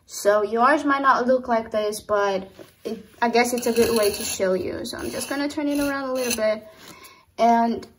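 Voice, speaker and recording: A woman's voice: fairly high pitch, normal speed, background noise. A woman from Brazil explaining plant cuttings in a casual how-to vlog, chatty and self-correcting as she handles her plants at home. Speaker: plant vlogger. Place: home room with plants and a humidifier.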